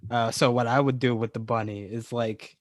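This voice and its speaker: A man's voice: mid-range voice, fairly even intonation, normal speed, no room sound, clean studio sound. A man co-hosting a podcast in casual chat, hesitant, with many fillers. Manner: hesitant, lots of likes and ums. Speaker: podcast co-host.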